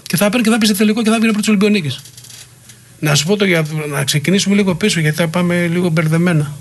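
A middle-aged man with a slightly high voice, recounting old stories as an interview guest. He rambles from one anecdote to the next and gets worked up, acting out what others said. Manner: heated, rambling anecdotes with quoted dialogue. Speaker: guest, former wrestler. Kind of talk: interview storytelling.

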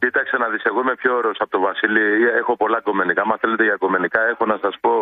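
A man's voice: fairly low pitch, fairly even intonation, no echo. A man calling in by phone as a colleague, joking and bantering. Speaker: caller, colleague on the line. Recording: tinny phone line.

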